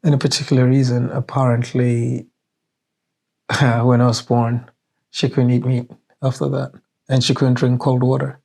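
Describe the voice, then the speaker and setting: A man's voice: mid-range voice, little pitch movement, normal speed, gravelly, pauses often, dark tone. A man telling personal stories in a casual podcast conversation, loose and chatty, full of "like" and the odd swear word. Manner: loose, chatty storytelling with frequent "like" and some swearing.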